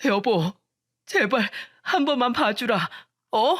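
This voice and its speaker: A woman's voice: fairly high pitch, lively intonation, slow pace, fairly bright tone, husky, no echo, studio quality, pitched above the performer's own voice, full character voice. A woman voicing a young husband who pleads with his wife and argues with his mother. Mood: pleading. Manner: urgent, pleading.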